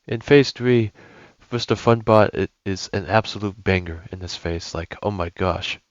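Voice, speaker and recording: A young man talks through a music game in a loose, rambling way and often stops to correct himself. His voice sits a little low. The recording is dry and slightly dull. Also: normal speed, no echo. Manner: rambling, self-correcting, enthusiastic. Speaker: gaming YouTuber. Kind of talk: casual gameplay commentary.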